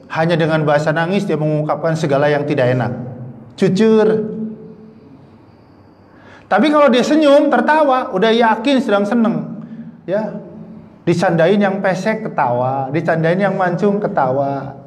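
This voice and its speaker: Male preacher, sermon delivery, slightly high voice, call-and-response questions, long reverb from the hall. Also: normal speed, pauses often. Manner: animated preaching, asks the audience questions and answers them. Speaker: ustadz giving a mosque lecture. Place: mosque hall.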